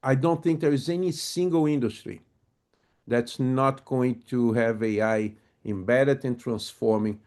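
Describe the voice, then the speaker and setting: This project management webinar presenter talks live on a video call in a steady, unhurried, mid-range voice that's a little mellow. Originally from a German- and French-speaking home, he moved to Brazil and speaks with a Brazilian Portuguese accent. His delivery is friendly, hesitant at times, and full of fillers.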